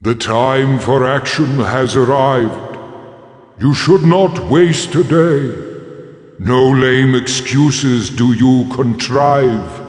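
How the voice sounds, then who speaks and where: Riddling game oracle, slow, heavily echoing, solemn, declamatory. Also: male voice, mid-range voice, darkish tone. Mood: portentous. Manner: stately, declamatory. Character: solemn, portentous male oracle speaking in riddles. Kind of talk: video game character acting. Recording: long cavernous reverb.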